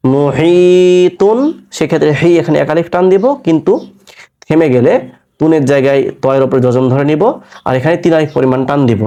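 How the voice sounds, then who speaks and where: Male recitation teacher, mellow higher voice, patient and repetitive, slow chanted examples. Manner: patient, repeats syllables and asks rhetorical questions; drawn-out chanted recitation of words. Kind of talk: step-by-step classroom lesson.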